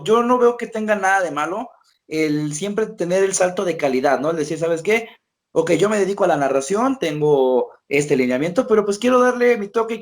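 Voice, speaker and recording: A man hosting an interview, talking casually in a measured, thoughtful way. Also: on the high side, darkish tone. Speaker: podcast host.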